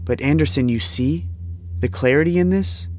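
A man's voice: on the high side, normal speed, darkish tone, a little hiss or hum, close to an everyday voice. A man playing an earnest, haunted visionary in an audio drama, speaking with solemn intensity and formal diction. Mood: bewildered, earnest. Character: earnest, haunted young male visionary, convinced of destiny.

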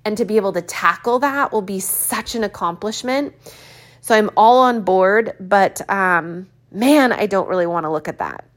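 A woman in her early forties talking candidly in a reflective personal vlog, thinking aloud with pauses and fillers. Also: medium pitch. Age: 40s. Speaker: vlogger.

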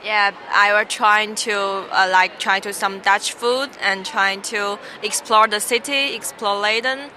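A woman from China, newly arrived, answering in a halting, cheerful way. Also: mid-range voice, fairly even intonation, bright, forceful tone, a little hiss or hum.

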